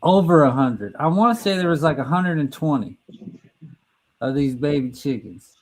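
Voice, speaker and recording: A man's voice: fairly high pitch, lively intonation, normal speed, low-quality recording. A middle-aged man with a slightly raised voice tells a long, crude story among friends. He rambles, trips over his words and keeps laughing at his own punchlines. The talk is loose and full of cursing. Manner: restarts and stumbles mid-sentence. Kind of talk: casual profane storytelling.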